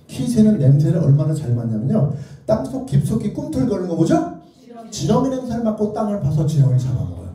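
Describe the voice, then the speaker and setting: A children's author with a high, dark-toned voice gives an interactive lecture, theatrically and playfully quizzing his listeners with either-or questions. He's in an echoey indoor lecture room, captured by a distant mic in a very reverberant hall.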